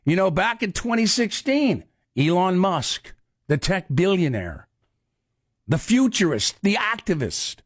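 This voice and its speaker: Sarcastic high-voiced radio host man. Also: big pitch swings, no echo, studio quality. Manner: sarcastic, conversational, rapid asides. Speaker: radio talk show host. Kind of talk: casual talk radio.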